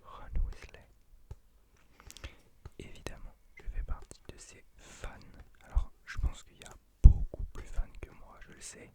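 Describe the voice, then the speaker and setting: Young man in a soft library whisper. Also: moderate pace, hardly any pauses. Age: late 20s. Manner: hesitant, self-deprecating, intimate address to the listener. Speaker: ASMR creator and host. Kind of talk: whispered role-play, ASMR library whisper.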